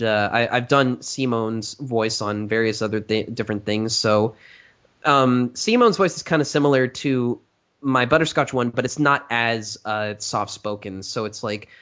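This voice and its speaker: A man's voice: mid-range voice, a little slow, fairly bright tone, muffled recording. A man, a fan filmmaker and voice actor, chatting as a guest in a casual interview, rambling with lots of fillers and restarts.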